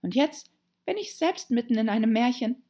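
Woman doing a high, girlish, anxious storybook heroine, breathy and animated. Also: moderate pace. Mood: musing. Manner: anxious, stammering self-talk. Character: girl Alice, worried and chattering to herself. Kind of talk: audiobook character voice.

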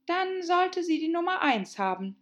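A fearless young girl in a storybook who says plainly what she thinks, as a woman reader puts her on. Her voice sits higher and brighter than the narration. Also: very animated, a little slow, muffled recording, exaggerated voice. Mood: blunt. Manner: blunt, matter-of-fact. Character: bold, outspoken young girl.

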